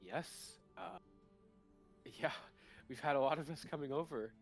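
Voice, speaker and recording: A man's voice: fairly high pitch, a little slow, gravelly, faint music behind. Man playing a hesitant, meek robot server. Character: timid, eager male robot tavern server, friendly refugee.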